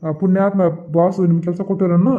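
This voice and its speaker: A man's voice: high-pitched, level tone, fast, narrow, tinny audio, close to an everyday voice. A man voicing a stern, sarcastic office boss with a North Karnataka accent, scolding an employee. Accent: North Karnataka Kannada.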